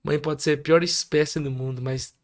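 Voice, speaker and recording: A Brazilian man with a high, gravelly voice tells his conversion story in a relaxed conversation. He is an animated storyteller who slips into the voices of the people in his story. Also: normal speed. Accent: Brazilian Portuguese. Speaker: guest preacher. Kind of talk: testimony in casual conversation.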